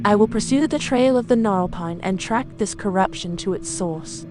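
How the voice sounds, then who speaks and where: A gracious forest dryad voiced by a woman in a fantasy game. She speaks formally at a middling pitch, as an earnest guardian of the woods. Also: normal speed, music in the background, close to an everyday voice. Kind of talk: scripted fantasy game dialogue.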